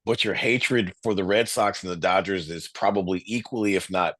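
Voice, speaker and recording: A man with a very low voice co-hosts a podcast in easy, casual chat. He often stumbles and repeats words as he restarts his thoughts. The sound is dry and close. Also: fairly even intonation, normal speed, a bit bright, no echo. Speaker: podcast co-host.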